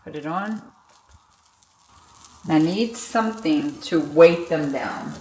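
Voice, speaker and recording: A woman's voice: deep voice, lively intonation, slow, a little mellow. A woman chatting casually through her cooking vlog, thinking aloud as she makes and tastes dinner in her home kitchen. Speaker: food vlogger. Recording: echoey kitchen with sizzling food.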